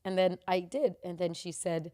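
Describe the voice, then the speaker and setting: A woman co-hosting a podcast, telling a story in a lively way and acting out both sides of an argument. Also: lowish voice, moderate pace. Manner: animated, acts out both sides of a quarrel. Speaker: co-host.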